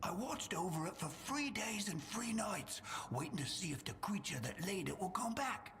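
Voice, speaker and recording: An actor playing a humble, timid old undersea creature blacksmith in a video game, with a gruff, halting delivery. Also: male voice, high voice, sing-song, fairly bright tone, slight background noise, exaggerated voice. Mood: wistful explaining. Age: older. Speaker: blacksmith and trader character. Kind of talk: scripted video game dialogue.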